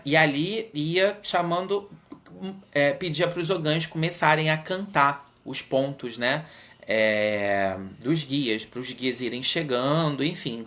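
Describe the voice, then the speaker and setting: An Umbanda medium in his thirties, speaking with a Brazilian Portuguese accent, earnestly recounts his own story on a livestream. His voice is fairly high and sharp, and he talks unhurriedly, often tacking on tag questions.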